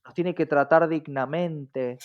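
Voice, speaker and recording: The recording is muffled, dull lo-fi audio of a male interview guest with an Argentine Spanish accent who advocates for diversity. His slightly high voice holds a steady tone as he takes it slowly, explaining in an articulate, emphatic manner with many rhetorical checks.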